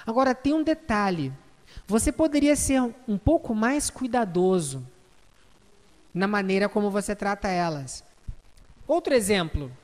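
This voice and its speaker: A woman's voice: medium pitch, expressive, a little slow, long pauses, a little mellow, big-room sound. A woman with a Brazilian Portuguese accent, lecturing a live group, explaining with examples and asking the audience questions. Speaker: instructor.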